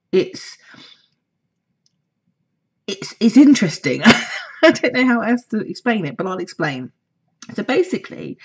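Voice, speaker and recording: A woman psychic reader chats through a monthly love forecast in a husky, breathy voice, laughing often and acting out imagined back-and-forth conversations. The recording is slightly muffled and lo-fi. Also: low-pitched. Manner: chatty and animated, laughs often, acts out imagined dialogue. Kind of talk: casual monthly horoscope forecast.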